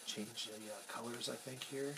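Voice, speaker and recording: In a noisy, cluttered radio workshop, a hobbyist walks through a hands-on technical demo in a relaxed, informal way, sometimes trailing off mid-thought. His voice is medium in pitch and steady, at a normal speed, with some vocal fry. An off-screen handheld camera captures the audio.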